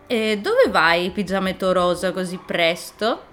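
A woman's voice: lowish voice, lively intonation, measured pace, fairly bright tone, faint music behind. A woman voicing a cunning male wolf in a storybook reading, asking sly questions and snapping when pushed.

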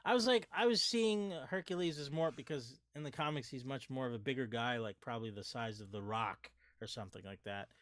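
A man's voice: medium pitch, brisk, few pauses, a bit bright. A man guest-hosting a podcast, chatting casually about a movie in a joking, easygoing way. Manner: joking, easygoing, trails off mid-thought. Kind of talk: casual movie review chat.

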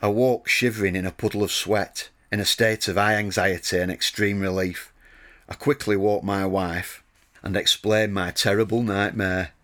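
A man in his thirties narrating a wry, deadpan personal story. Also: fairly low pitch. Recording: music playing under the voice.

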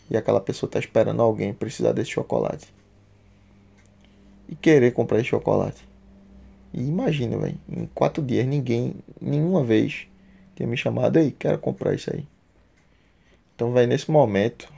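A man's voice: medium pitch, vocal fry, mellow, breathy edge. A man telling a personal story casually, emotional and heartfelt, with a lot of slang.

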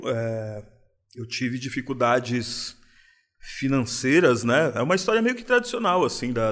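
A guest on a casual interview, this man from São Paulo, Brazil, talks at a medium pitch. He sounds relaxed and reflective, and his speech is full of street slang.

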